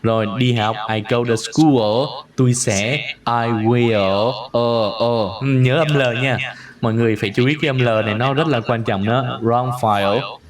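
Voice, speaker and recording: A man leads a live online English pronunciation class at a middle pitch. He slows right down on single words and repeats them again and again, over a clear murmur of crowd chatter behind him. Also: steady tone. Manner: drills words slowly and repeats them many times.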